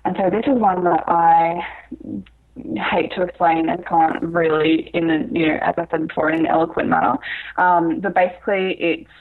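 A woman's voice: lowish voice, fairly even intonation, moderate pace. A woman explaining grammar myths in casual chat, her voice muffled as if heard through a wall, hesitant with lots of ums and restarts. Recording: dull, muffled mic sound.

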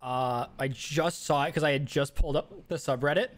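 Man, high voice, sarcastic, rants quickly, casual chat co-host. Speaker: podcast co-host.

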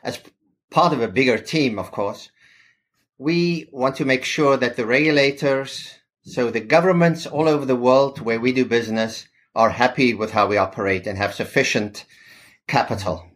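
South African man, fifties, mid-pitched, modest interview answers. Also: moderate pace, fairly bright tone. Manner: modest, with occasional hesitations. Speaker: podcast guest.

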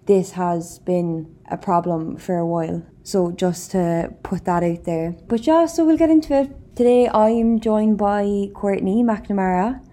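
A woman's voice: mid-range voice, measured pace, few pauses, mellow. A woman with an Irish accent, hosting a podcast in an informal, explanatory, conversational way. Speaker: podcast host.

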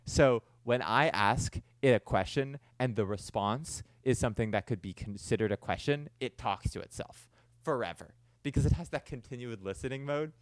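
A man's voice: mid-range voice, moderate pace, no room sound, clean studio sound. A man co-hosting a podcast in casual chat, rambling and self-deprecating as he jokes along. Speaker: podcast co-host.

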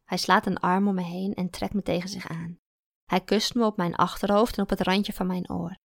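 A woman reading a first-person story aloud in a calm, even storytelling manner. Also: fairly low pitch, moderate pace, vocal fry, dry recording, clean studio sound. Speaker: narrator.

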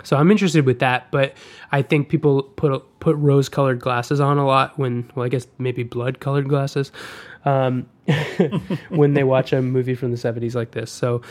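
A man's voice: medium pitch, steady tone, normal speed. A young man co-hosting a casual film chat, rambling with many fillers and restarts. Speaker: podcast co-host.

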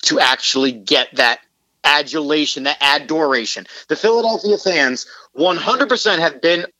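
A man's voice: on the high side, normal speed, sharp tone, no room sound, poor audio. A man calling in as a guest on a sports talk show, talking in a sarcastic, emphatic way. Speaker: guest podcaster. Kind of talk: casual sports chat. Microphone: phone call.

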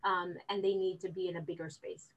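A woman's voice: lowish voice, brisk, low-quality recording. A woman recruiter talking with lots of energy as a guest, acting out conversations as she tells them. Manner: energetic, animated, acts out quotes. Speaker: real estate recruiter, guest. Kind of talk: casual interview chat.

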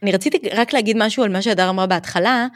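A woman's voice: medium pitch, no echo, studio quality. Reflective Israeli woman podcast guest. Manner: reflective, frank, sprinkles English phrases. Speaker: English teacher and YouTuber, guest. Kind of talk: podcast interview conversation.

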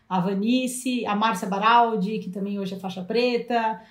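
A Brazilian woman speaking as a guest, telling a story in a lively way and acting out past conversations. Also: medium pitch, normal speed. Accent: Brazilian Portuguese. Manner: animated, acts out past dialogues. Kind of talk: casual storytelling interview. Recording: roomy echo.

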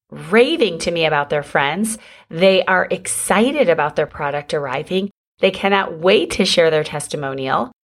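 A middle-aged woman with a low voice hosts a solo podcast. She talks in a chatty, encouraging way and calls her listeners friends. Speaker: podcast host and business coach.

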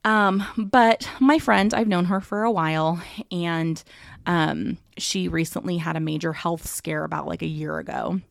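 As a podcast co-host, this woman keeps up a chatty, filler-heavy conversation and laughs readily. She talks a little slowly in a lowish, creaky voice with hardly any pauses, and the recording is dry.

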